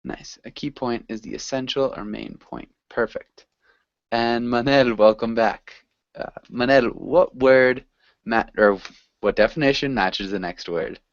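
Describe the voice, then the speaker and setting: A man's voice: mid-range voice, a little slow, dry recording. Patient male teacher on a video call. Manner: friendly, patient, encouraging. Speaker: online English teacher. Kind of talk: online class teaching. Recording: dull video call audio.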